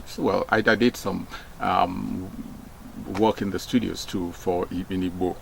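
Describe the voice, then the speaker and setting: A middle-aged Nigerian man and former broadcaster, whose first language is Nigerian Pidgin, talks in a casual, reflective way with a low, gravelly voice and fairly even intonation. He's unhurried, filling pauses with "um" and "you know," and his voice rises when he stresses a point. The rough recording carries faint background noise with insects.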